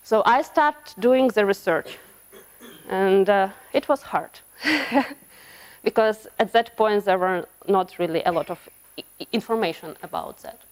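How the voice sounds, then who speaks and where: A woman's voice: medium pitch, a little slow. A woman from Ukraine, giving a conference talk as a web developer, often restarting her words. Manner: hesitant, frequent restarts and broken-off words. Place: conference hall.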